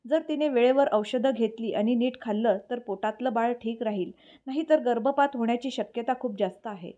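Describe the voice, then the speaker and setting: A woman voicing a calm, matter-of-fact doctor who explains things plainly in a storybook reading. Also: on the high side, moderate pace, muffled recording, close to an everyday voice.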